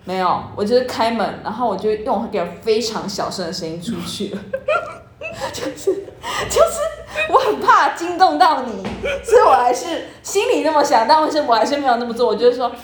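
A woman's voice: a little high, brisk, background noise. A young woman, co-hosting a casual podcast and telling stories with lots of laughter. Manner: animated storytelling, often laughing. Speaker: podcast co-host. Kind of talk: casual chat. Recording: echoey room.

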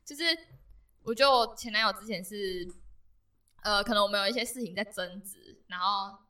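A woman co-hosting a casual podcast chat, blunt and teasing, with loud laughter. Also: mid-range voice, moderate pace, distant mic. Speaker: podcast co-host.

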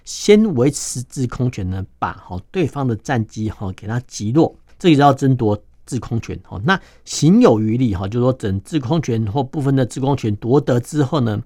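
A man, a defense journalist explaining military matters as an interview guest, filling his phrases with drawn-out "oh" and "ha" sounds. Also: mid-range voice, animated, dark tone, no room sound, studio quality. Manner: peppers phrases with drawn-out "oh" and "ha" particles.

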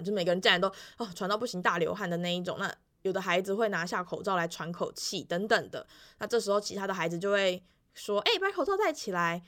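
A young woman in her twenties talks casually about her music classes. Her storytelling is chatty and loose, full of small fillers and restarts, and she briefly mimics the children's voices when she quotes them. Her pitch sits in the middle range for a woman. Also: fairly bright tone. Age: 20s. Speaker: elementary music teacher. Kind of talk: casual weekly vlog monologue.

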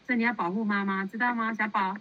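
A woman nun counseling a follower in a casual, animated way, laughing often and repeating words for emphasis. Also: mid-range voice, fast. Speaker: Buddhist nun giving counsel. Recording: muffled lo-fi sound.

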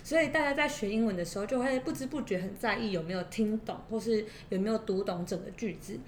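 Female co-host, Taiwanese accent, mid-range voice, chatty step-by-step explainer, roomy echo on the recording. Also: fast. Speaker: podcast co-host. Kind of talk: conversational educational discussion. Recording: roomy echo, faint noise and rumble.

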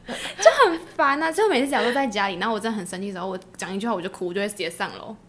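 A woman's voice: mid-range voice, rapid-fire. A young woman co-hosting a podcast, chatting casually, laughing often and acting out what people said. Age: young adult. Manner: animated, laughs often, acts out quotes. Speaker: podcast co-host. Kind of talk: casual chat.

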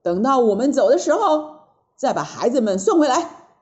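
Storybook monkey king, cocky and commanding, pitched up, played by a woman, dull lo-fi recording. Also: big pitch swings, a little mellow. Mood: bossy. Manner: brisk commanding, raised voice. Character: cocky male monkey king, bossy and lively.

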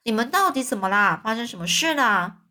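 A woman voicing a quick-witted young boy who plays innocent. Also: on the high side, expressive, bright, forceful tone. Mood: eager. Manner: innocent, feigning surprise.

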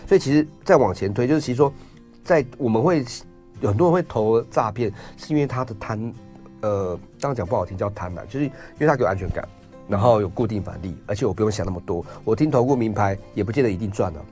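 A man with a Taiwanese Mandarin accent talks quickly as a radio guest, piling on fillers and asides while he explains. His voice sits somewhat low, and faint music plays beneath him. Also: animated, a little mellow. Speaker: investment guest. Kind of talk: radio interview.

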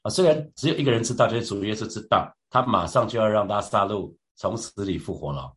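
A man giving a devotional Bible teaching as a church leader, reflective and unhurried, often turning to his listeners with rhetorical questions and soft fillers. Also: lowish voice, lively intonation.

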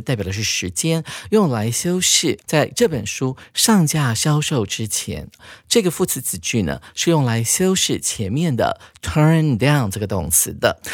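Male English teacher, animated pitch, dry close sound, chatty lesson delivery. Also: dry recording. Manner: lively, chatty teaching with drawn-out particles. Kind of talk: explaining English grammar for students.

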